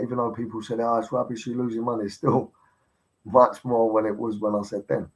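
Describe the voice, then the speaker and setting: A man talks straight into his stream, blunt and pushy, with curses scattered through nearly every sentence. His pitch sits right in the middle for a man. He keeps hammering the same point with insistent energy. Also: highs cut off. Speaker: livestreamer. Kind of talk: casual live-stream rant.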